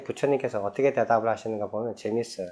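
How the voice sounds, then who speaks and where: Buddhist monk giving a chatty sutra lecture. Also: male voice, on the low side, steady tone, very fast, a little mellow, a little hiss or hum. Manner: conversational, asks the audience rhetorical questions; reads scripture passages aloud, then explains them in plain speech.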